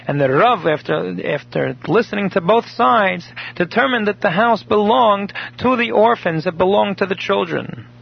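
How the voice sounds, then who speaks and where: A man teaching a recorded daily Torah class, telling a story in a measured way and explaining Hebrew terms in English. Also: high voice, animated, creaky, slightly rough. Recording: dull lo-fi recording.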